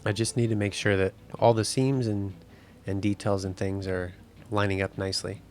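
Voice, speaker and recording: A man in his thirties, a 3D game artist, narrating a tutorial voice-over in a relaxed, explanatory way. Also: lowish voice, moderate pace, a little hiss or hum.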